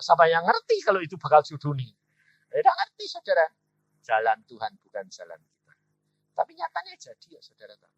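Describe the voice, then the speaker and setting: An older man preaching in with a tinge, telling stories in an animated way and acting out the dialogue. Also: on the high side, fairly quick, creaky, long pauses, no echo, muffled recording. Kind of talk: sermon with storytelling.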